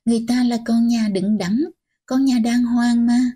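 A woman's voice: on the high side, fairly even intonation, moderate pace, dark tone, slightly rough. Stubborn young granddaughter, read by a woman. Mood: defiant. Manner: pleading, defiant. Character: teenage girl, stubborn granddaughter, defiant and tearful.

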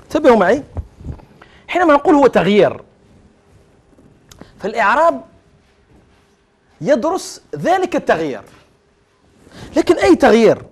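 A man's voice: very high-pitched, sing-song, moderate pace, long pauses, husky. A middle-aged man with an Algerian accent lecturing on Arabic grammar to a class of students, mixing formal Arabic with dialect and questioning the class before he answers himself.

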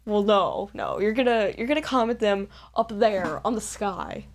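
A woman's voice: mid-range voice, sing-song, normal speed, creaky, a little hiss or hum. A woman co-hosting a casual unscripted chat, giggly and teasing. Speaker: co-host.

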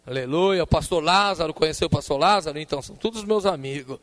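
A man preaching a sermon, telling a personal story with lively acted-out dialogue and calling out to the congregation. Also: fairly high pitch, fast talker. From Brazil. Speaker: pastor.

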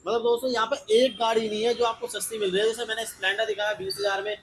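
A man's voice: high voice, flat delivery, quick pace, fairly bright tone, a little hiss or hum, poor audio. A man hosting a promotional showroom walk-through, questioning and repeating offers for viewers. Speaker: video host. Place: tiled scooter showroom, indoors.

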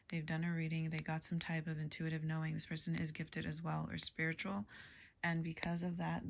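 A woman giving a tarot reading to a general audience, in a calm, even delivery with soft whispered asides. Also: low-pitched, gravelly, noisy background. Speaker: tarot reader.

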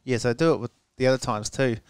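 A man's voice: medium pitch, racing, a little hiss or hum. A man with a New Zealand accent, co-hosting a podcast in an easygoing, rambling way. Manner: laid-back, rambling storyteller. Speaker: podcast co-host. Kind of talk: casual chat.

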